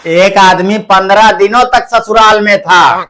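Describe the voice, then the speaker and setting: A man telling a string of short jokes in a measured storytelling delivery, over faint background music. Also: high voice, sharp tone, slight background noise. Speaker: joke teller. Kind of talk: narrated joke telling.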